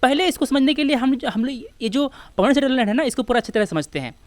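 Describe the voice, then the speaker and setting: An Indian-accented woman teaches exam prep, switching between Hindi and English as she explains step by step, asks rhetorical questions and repeats key phrases for emphasis. Her voice sits high and is expressive, she talks fast, and there's no echo.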